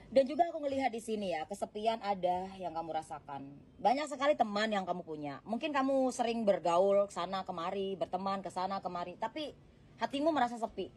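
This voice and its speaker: A woman reads tarot cards in a casual, chatty way, speaking softly and straight to the listener. Her voice sits at a middle pitch. A faint noise hums under the recording. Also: lively intonation, brisk. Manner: gentle, chatty, addresses the viewer directly, laughs often. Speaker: tarot card reader. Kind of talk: casual tarot reading monologue.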